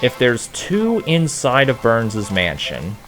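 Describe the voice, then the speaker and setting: A man's voice: medium pitch, huge pitch swings, slow pace. A man casually commenting while playing a video game, rambling and thinking aloud. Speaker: let's play host. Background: game music.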